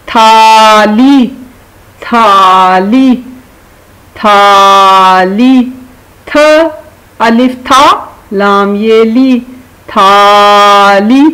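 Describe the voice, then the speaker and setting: Woman teacher spelling words slowly. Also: on the high side, rough recording. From Pakistan. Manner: drawn-out, slow spelling of words, warm coaxing praise. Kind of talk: Urdu lesson for children.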